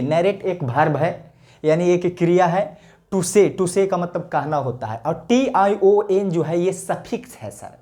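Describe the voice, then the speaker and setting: Mellow-voiced Bihari man teaching grammar. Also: high-pitched. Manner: chatty and joking, asks questions then answers them, calls viewers sir. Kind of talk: casual grammar lesson to camera.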